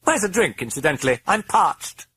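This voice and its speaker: A man voicing a hoarse, foul-mouthed possessing spirit with a British accent, in a very high, raving voice. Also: big pitch swings, moderate pace, bright, forceful tone, no echo, studio quality, exaggerated voice. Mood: mocking cheer. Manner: raving, then mock-cheerful and theatrical.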